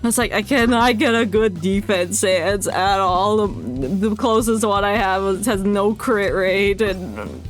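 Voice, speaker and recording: A woman game streamer gives casual, rambling commentary while playing, half muttering to herself in a mid-range, animated voice that's unhurried and has few pauses. Loud game music and combat sounds play behind her.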